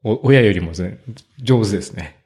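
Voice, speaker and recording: Fast-talking husky man chatting. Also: lowish voice. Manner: relaxed storyteller, animated when amused. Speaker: podcast co-host. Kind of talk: casual chat.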